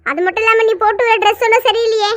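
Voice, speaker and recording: A very high, fast-talking cartoon young woman, bossy and jealous, with a taunting, scolding tongue, as a woman voices her. She runs her lines together in quick bursts. It sounds like animated cartoon voice acting.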